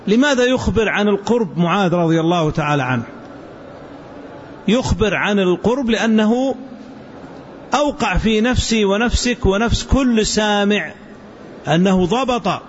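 A man teaching a hadith lesson to students, explaining word forms slowly and repeating them so the class can follow. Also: high voice. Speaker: religious teacher. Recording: dull lo-fi with faint hiss.

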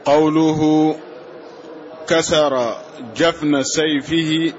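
A man's voice: a little high, little pitch movement, extremely slow. A man reading a commentary aloud in class, reciting the quoted passages for the teacher. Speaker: student reading the text aloud. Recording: dull lo-fi recording.

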